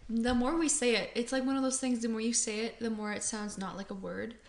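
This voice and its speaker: Excitable woman with a high voice. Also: a little fast. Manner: animated, gasps and laughs, big exclamations. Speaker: co-host. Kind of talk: casual chat.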